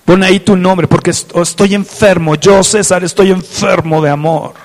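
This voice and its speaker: Fervent high-voiced pastor preaching. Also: male voice, long reverb tail. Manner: fervent, reads scripture aloud, asks listeners direct questions. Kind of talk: sermon.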